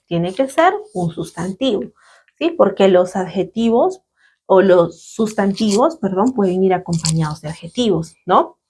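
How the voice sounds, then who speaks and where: A woman's voice: mid-range voice, lively intonation, measured pace, mellow, husky. A woman English teacher with a Latin American Spanish accent, explaining grammar patiently and checking in with her students through frequent tag questions. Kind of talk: slow grammar lesson.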